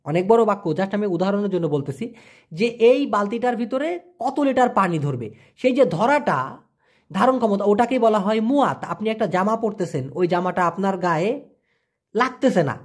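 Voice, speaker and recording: A man's voice: high voice, lively intonation, normal speed. A man giving a casual vocabulary lesson, repeating each word and explaining it with everyday examples. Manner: colloquial, chatty. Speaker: language teacher.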